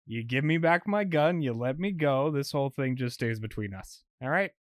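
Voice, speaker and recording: A man's voice: mid-range voice, expressive, normal speed, no room sound, clean studio sound, natural voice. A man playing a veteran city cop who stammers nervously and tries to talk his way out of trouble. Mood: coaxing. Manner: stammering, nervous then coaxing. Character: veteran male city cop, cuffed, fast-talking, wheedling.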